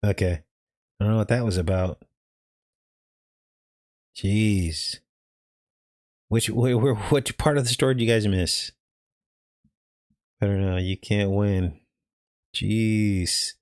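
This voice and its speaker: A man's voice: on the low side, takes it slowly, pauses often. A man hosting a livestream, talking casually to viewers while his audio glitches and cuts out. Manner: talks straight to viewers, chuckles at his own remarks. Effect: glitchy livestream audio cutting out. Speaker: livestream host. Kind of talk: casual opinion commentary.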